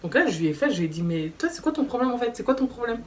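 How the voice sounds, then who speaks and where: A young woman telling a story in a casual vlog, animated and slangy, acting out quoted dialogue. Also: a little high, rapid-fire. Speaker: vlogger. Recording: slightly distant mic with faint background noise.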